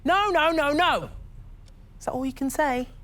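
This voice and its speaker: A woman's voice: high voice, moderate pace, fairly bright tone, slight background noise. An actress playing a defiant, cheeky young woman held in a psychiatric hospital, pleading and scheming. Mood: exasperated. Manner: cheeky, pleading, swings to mock cries. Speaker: actor. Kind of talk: stage drama acting.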